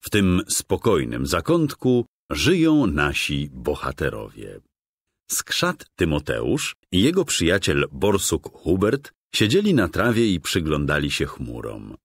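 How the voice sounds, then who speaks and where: A man narrating a children's game story in a calm, gentle storytelling manner, recorded as a dry close studio voice-over. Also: low-pitched, slow pace, breathy edge, no room sound.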